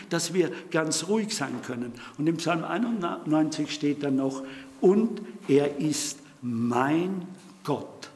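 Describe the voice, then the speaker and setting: A man preaching a sermon in a church, emphatic and repeating key words, sometimes halting over verse numbers. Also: on the high side. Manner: halting with fillers and self-corrections when citing verses. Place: church hall. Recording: echoey hall, mic at a distance.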